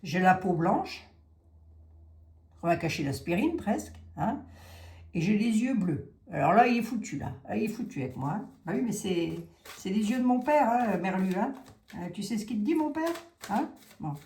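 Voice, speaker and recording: A woman's voice: medium pitch, expressive, normal speed, darkish tone, roomy sound. A middle-aged woman giving a casual tarot reading, chatty and frank, with mocking asides. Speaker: tarot reader.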